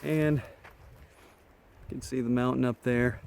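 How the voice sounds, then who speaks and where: A man's voice: mid-range voice, fairly even intonation, unhurried, creaky, darkish tone. A man filming himself as he hikes a mountain trail, talking casually, enthusiastic and a bit out of breath. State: out of breath from climbing. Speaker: hiker filming his trip. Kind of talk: casual vlog narration while hiking. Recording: noisy outdoor recording.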